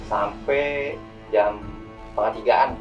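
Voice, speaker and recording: A young man appearing as a guest tells a hiking story casually and slowly, rambling, repeating words, and often calling the listener "Bang." His voice is fairly low. The recording is muffled, taken from a distant mic with music playing behind.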